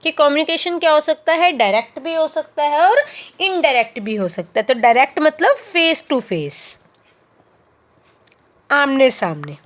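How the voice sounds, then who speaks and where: A woman teaching a class, who explains by asking and answering her own questions and slows down on key terms. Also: sits high, lively intonation. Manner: mixes in English terms, slows down on key phrases. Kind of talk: classroom lecture.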